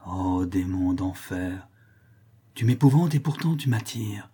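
A man's voice: sits low, expressive, slow, dark tone, husky, heavily acted. Man voicing a seductive cunning woman, half-whispered. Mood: seductive whispering. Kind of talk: audiobook character reading.

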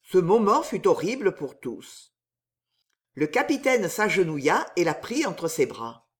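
A woman narrating a classic novel aloud in an expressive, dramatic storytelling manner. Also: lowish voice, unhurried. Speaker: audiobook narrator.

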